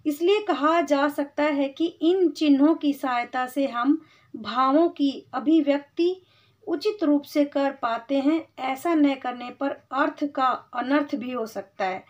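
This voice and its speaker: A woman teaching Hindi grammar to children, patiently explaining and calling them "beta". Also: sits high. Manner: patient, explains slowly, calls students beta. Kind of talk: classroom lesson for children. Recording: slightly dull lo-fi sound.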